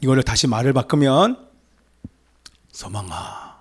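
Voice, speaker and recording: A male pastor preaching an animated sermon, often questioning his congregation. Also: high-pitched, moderate pace.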